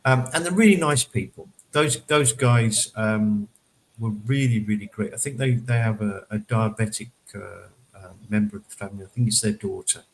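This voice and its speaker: A man's voice: lowish voice, normal speed, rough recording. Chatty man full of fillers. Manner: chatty, many fillers and repeated words. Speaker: panelist reporting on a local event. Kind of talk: casual chat.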